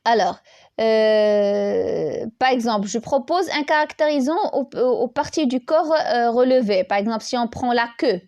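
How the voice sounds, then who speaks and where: Woman teacher, kinda high voice, lots of um and repeats, keeps asking "ok?", dry sound. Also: expressive, moderate pace, a little mellow, no echo, highs cut off. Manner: hesitant, many repeated words and fillers; checks in with "d'accord?" often. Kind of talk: online lesson.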